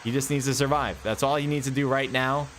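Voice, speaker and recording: Male esports caster, middle-pitched, play-by-play with casual self-talk, game gunfire and engines under the voice. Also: slight background noise. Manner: quick excited calls with chatty self-talk asides. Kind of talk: live play-by-play commentary. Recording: game gunfire and vehicles behind voice.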